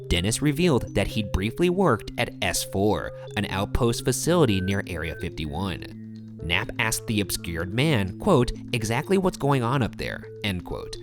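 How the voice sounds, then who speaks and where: Low guy doing measured documentary voice-over, music going under him. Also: sing-song. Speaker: narrator. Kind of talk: scripted documentary narration. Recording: voice-over with clear music behind.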